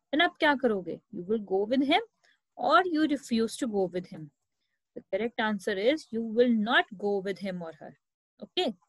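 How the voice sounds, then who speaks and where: Indian woman teacher for a children's lesson; unhurried, quizzing the class, slightly high voice. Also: dry recording, low-quality recording. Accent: Indian English. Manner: asks the class questions, mixing Hindi and English.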